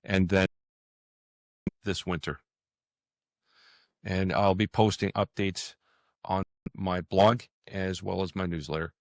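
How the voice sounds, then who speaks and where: Speaking slowly and flatly with frequent pauses, a middle-aged man who writes fiction chats casually as an interview guest. He's hesitant, repeats his words often, and his low voice is captured in a dry, clean studio recording.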